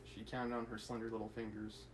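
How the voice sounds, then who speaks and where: Here a man with a fairly low voice reads a classic novel on a livestream, brisk and completely flat in delivery, over a noisy background. He stays casual, adding light character voices and laughing between remarks to his chat.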